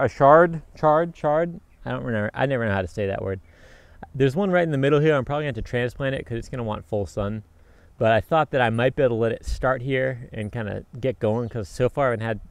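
Filming himself outside with a handheld action camera at arm's length, a man in his thirties who vlogs about homesteading shows off his tropical garden in a loose, cheerful way. His mid-range voice comes through dry, and his talk wanders with fillers and corrections of himself.

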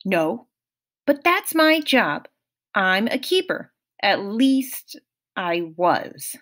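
A woman's voice: big pitch swings, drawn-out words, a bit bright, heavily acted. A woman voicing a timid, guilt-ridden teenage male satyr in an audiobook, stammering and apologetic. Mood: earnest. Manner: apologetic, stammering, high-pitched. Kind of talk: audiobook reading.

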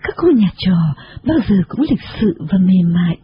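A woman narrating a storybook in an expressive, dramatic manner. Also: mid-range voice, normal speed, slight background noise. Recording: dull lo-fi recording.

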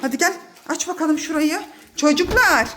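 A woman in her thirties, a mother leading a play game for her children at home, calling out excited, bossy commands. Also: high-pitched, moderate pace, noisy background. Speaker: mother running a family game. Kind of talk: playful family vlog. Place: home, indoors.

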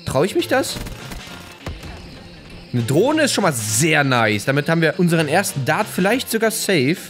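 Excitable, high-pitched young man gaming. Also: moderate pace, soft background music. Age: 20s. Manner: excitable, exclaiming and joking while playing. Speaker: gaming YouTuber. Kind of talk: casual gameplay commentary. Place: indoor room at home, on a couch. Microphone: close studio condenser microphone with pop filter.

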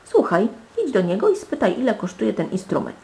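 A woman voicing a spoiled, haughty young princess in a storybook reading, with petulant, shrill exclamations. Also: very animated, fairly quick, vocal fry, dark tone. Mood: pleased.

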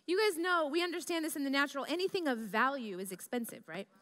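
A woman's voice: high-pitched, quick pace. A woman from the Midwest preaching a humorous sermon, telling stories and acting out the voices in them. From American Midwest. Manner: animated, comedic, acts out quoted voices. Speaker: guest preacher. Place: church hall. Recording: reverberant church hall.

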